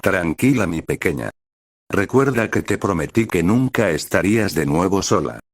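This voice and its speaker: A man voicing a young male guardian warrior, gentle and protective, with a soft, reassuring manner. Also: low-pitched, lively intonation, normal speed, no echo, clean studio sound.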